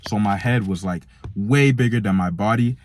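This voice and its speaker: A slightly mellow, lowish male voice moves at a moderate pace. The speaker, a nineteen-year-old motivational vlogger, has an American accent, having left Nigeria for America at age four, and he keeps it casual and slangy, talking directly to young men with "bro" and "man."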